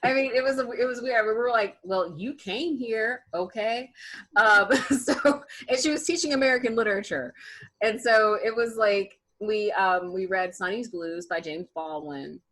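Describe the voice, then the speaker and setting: A woman on a panel, telling a story in an animated way, laughing and restarting her sentences. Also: mid-range voice, normal speed.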